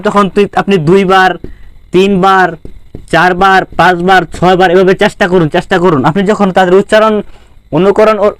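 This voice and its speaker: Young man, Bangladeshi Bengali accent, high voice, smooth, earnest and repetitive, informal lesson. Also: no room sound. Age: young adult. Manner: repetitive, restarts phrases, earnest and encouraging. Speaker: spoken English teacher. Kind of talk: informal lesson talk to camera.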